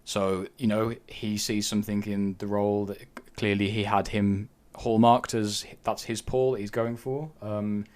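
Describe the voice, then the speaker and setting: A man with a lowish voice co-hosts a casual podcast chat. He speaks frankly and opinionatedly, pausing on ums as he thinks aloud. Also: flat delivery, darkish tone, smooth. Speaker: podcast co-host.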